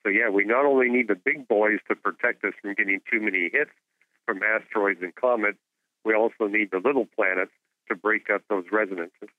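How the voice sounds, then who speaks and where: Low-voiced man on a thin phone line. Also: steady tone, fairly quick, dry recording. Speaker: guest expert, astronomer and author. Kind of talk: explanatory interview talk. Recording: phone-like narrow-band radio call.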